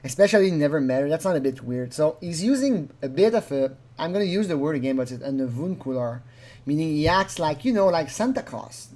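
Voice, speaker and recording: Offering unscripted commentary on a recorded phone call, a man with a fairly high, expressive, slightly mellow voice speaks fairly quickly. He rambles and acts out the quotes with animation as he goes.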